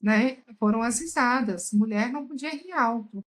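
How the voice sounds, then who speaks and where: Emphatic higher-voiced woman commentator. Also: moderate pace, poor audio. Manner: emphatic, addresses listeners as "gente". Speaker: therapeutic tarot reader, guest. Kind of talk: casual commentary while watching a recorded chat.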